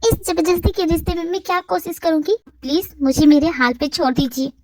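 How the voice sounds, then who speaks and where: A woman's voice: extremely high pitch, fairly quick, dry recording. A woman voicing a heartbroken young woman who resents a forced marriage. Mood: bitter. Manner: bitter, resentful.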